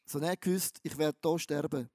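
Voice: medium pitch, steady tone, moderate pace, darkish tone, dry recording, clean studio sound. A preacher giving a sermon, talking emphatically with lots of slang and repeating phrases for effect. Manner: emphatic and repetitive, with slang-laden storytelling.

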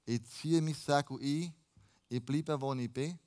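A pastor preaching a lively, casual sermon and dropping in English phrases. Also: male voice, fairly high pitch, unhurried.

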